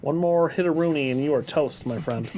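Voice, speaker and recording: A man coaching a friend through a space combat game with quick jokes and teasing. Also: on the high side, mellow, a little hiss or hum. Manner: wisecracking, coaching. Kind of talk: playful banter over gameplay.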